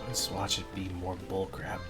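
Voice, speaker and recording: A man's voice: low voice, monotone, moderate pace. A man co-commentating a let's play in casual chat, blunt and slangy and fond of teasing. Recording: game music playing behind.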